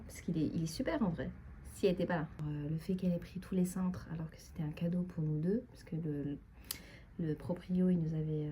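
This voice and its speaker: Chatty young woman with a dark, mellow voice. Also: low-pitched, slight background noise. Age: young adult. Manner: chatty, rambling, frequent fillers and asides. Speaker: vlogger. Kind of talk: casual storytime chat.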